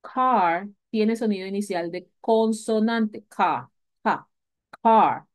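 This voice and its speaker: A woman's voice: mid-range voice, a little mellow. Woman, English teacher, patient, repetitive explanations, recorded class lecture. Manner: patient, repeats key points, asks "¿vale?" often.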